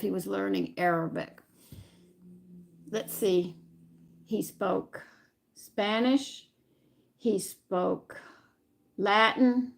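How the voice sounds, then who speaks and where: A woman with a creaky, medium-pitched voice hosts a home cooking live stream, chatting loosely with viewers and rambling while she digs through her memory.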